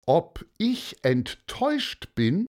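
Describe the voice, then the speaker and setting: Man voicing father, proud, emphatic, loud, slow, animated pitch, storybook. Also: exaggerated voice. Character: proud, warm-hearted father, middle-aged man.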